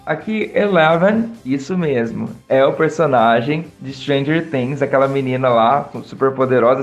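Brazilian man teaching with an echo. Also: on the high side. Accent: Brazilian Portuguese. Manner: friendly, drills words slowly. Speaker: English teacher. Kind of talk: online English lesson.

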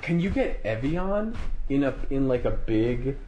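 A man's voice: mid-range voice, very animated, unhurried, mellow, reverberant, highs cut off, slight background noise. A man co-hosting a podcast in casual comedic chat, goofy and laughing often. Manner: goofy, joking, laughs a lot. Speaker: podcast co-host.

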